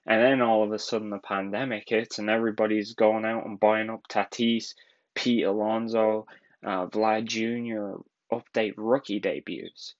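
Irish guy in his twenties, lowish voice, rambling casual podcast host, muffled lo-fi home recording. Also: level tone, moderate pace. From Ireland. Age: 20s. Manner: rambling, casual, laughs often. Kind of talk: solo podcast monologue.

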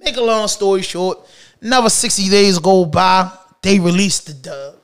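Animated, slangy man with a high voice. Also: normal speed, smooth. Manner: animated, slangy, swings between loud bursts and low mutters. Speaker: storyteller. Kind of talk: casual storytime.

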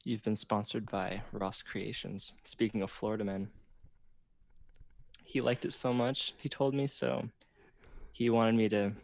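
A man's voice: fairly low pitch, fairly even intonation, a little slow, creaky, long pauses, no room sound. A young man chatting as a podcast guest, laughing through his stories. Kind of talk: casual chat over a video call.

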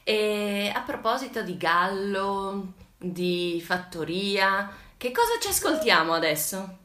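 A woman radio host with a bright, forceful tone, chatting upbeat and encouraging, her pitch moving lively. The sound is echoey, as in a bare room. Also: slow pace. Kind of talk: friendly radio chat.

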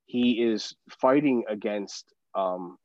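A man's voice: on the low side, slow pace, dry recording. Male podcast co-host, rambling casual film talk, dull lo-fi dry mic. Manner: rambling, many restarts and fillers.

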